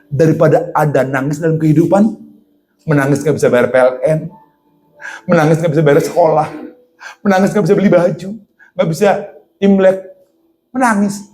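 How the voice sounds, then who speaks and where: A man preaching a lively sermon in a church, asking his congregation questions and acting out the voices in his stories. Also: on the high side, brisk, pauses often. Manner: animated, acts out voices, asks the congregation questions.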